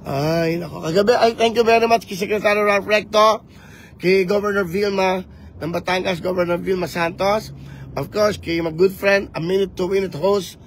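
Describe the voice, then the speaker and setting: A man chatting on a live vlog from inside a moving vehicle, talking in an animated and preachy way as he mixes languages. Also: high-pitched, moderate pace, slight background noise. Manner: animated, code-switching, preachy. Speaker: vlogger campaigning for office.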